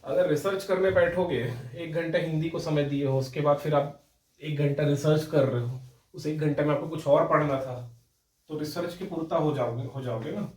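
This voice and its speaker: A fairly high-voiced young man teaching an exam prep class, spelling sounds out patiently and checking in with students again and again. He sounds a little away from the mic, and the room gives his voice a noticeable echo. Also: fairly even intonation, normal speed, a little mellow, recorded from a distance. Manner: explanatory, repeats words, frequent "ठीक है?" check-ins. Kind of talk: Hindi grammar lecture.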